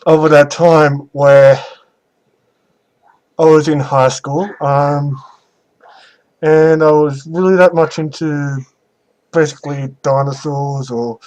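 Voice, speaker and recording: Halting man, slow and slightly high-voiced. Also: steady tone, a little mellow. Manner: halting, hesitant, pausing often mid-sentence. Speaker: vlogger answering viewer questions. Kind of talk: casual unscripted question-and-answer talk.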